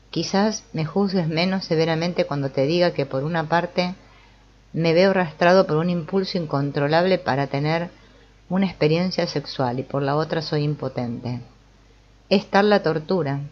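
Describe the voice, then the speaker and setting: A woman's voice: low-pitched, lo-fi sound, a little hiss or hum, lightly acted. A woman reading the part of an ashamed, troubled man who speaks in a pained, confessional way.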